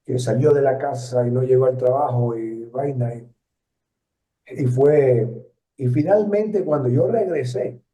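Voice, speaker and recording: Telling stories in an interview, a man in his seventies from Puerto Rico, a retired journalist with a Puerto Rican Spanish accent, sounds reflective and halting, full of fillers and restarts. His voice is medium-pitched and warm, captured in roomy, distant, dull lo-fi sound.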